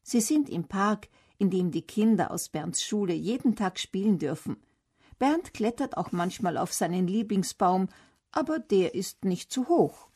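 Slow, gentle woman reading a children's story. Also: medium pitch, expressive, slightly rough.

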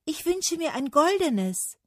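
Woman voicing young birch tree, bright clear high voice, hopeful, storybook, dry sound. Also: very animated, slow pace, no echo, full character voice.

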